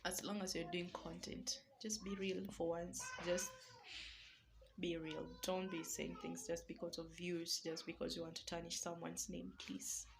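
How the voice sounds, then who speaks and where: A woman's voice: lowish voice, flat delivery, measured pace, creaky, noisy background. A woman with a Kenyan accent, vlogging emotionally from a small single room, pleading and sometimes dropping to a whisper. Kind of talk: emotional personal vlog.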